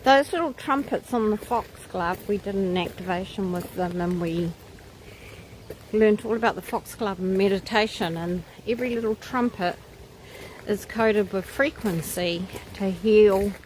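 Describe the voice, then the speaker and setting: On a wooded trail, a vlogger narrates her nature walk live, casually musing and exclaiming with wonder. She speaks a little slowly in a medium-pitched, slightly mellow voice, captured in low quality amid birdsong and outdoor ambient noise.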